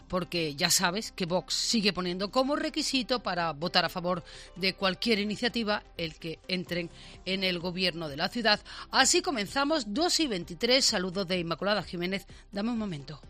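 Female radio newsreader, brisk and bright. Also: medium pitch. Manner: brisk, conversational news delivery. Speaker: radio news presenter. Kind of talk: radio news bulletin. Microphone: studio microphone.

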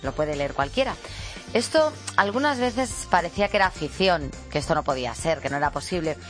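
A woman's voice: low-pitched, animated, brisk, soft background music. A woman with a Castilian Spanish accent chatting casually as a radio co-host.

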